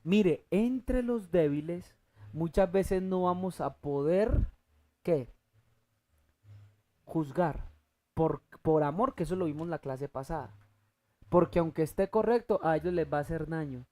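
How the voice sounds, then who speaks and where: A preacher teaching a Bible class, often stopping to ask the listeners to fill in the word and slowly repeating the key terms. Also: mid-range voice, warm tone. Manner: asks the congregation fill-in questions, repeats key words slowly; halting restarts, thinking aloud. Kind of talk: church teaching sermon.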